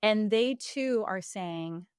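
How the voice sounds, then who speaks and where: Clear and resonant at a medium pitch, a woman speaks slowly in a clean, echo-free studio. The singer and voice coach, a Puerto Rican in her forties, is earnest and reflective in this podcast interview, with plenty of laughter and filler words.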